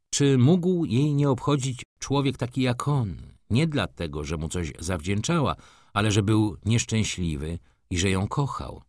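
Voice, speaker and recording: A man narrating a novel as an audiobook, in an expressive, theatrical reading. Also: lowish voice, no echo, studio quality. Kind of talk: scripted narration.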